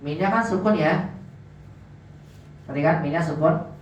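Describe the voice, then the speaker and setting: A man's voice: on the high side, a little slow, slight background noise. A man teaching Arabic grammar in class, who asks questions and answers them himself and drags out the example words. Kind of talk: classroom lesson. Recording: echoey, dull, from far off.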